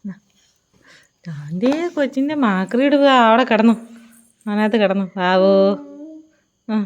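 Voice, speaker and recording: A woman's voice: mid-range voice, animated, measured pace, slight background noise. A mother talking to her baby at home in coaxing, sing-song baby talk.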